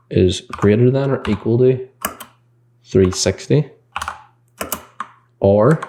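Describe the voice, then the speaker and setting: A man's voice: lowish voice, creaky, noisy background. A man teaching game development in a screen-recorded coding tutorial. He explains the code step by step, thinks aloud and corrects himself mid-sentence.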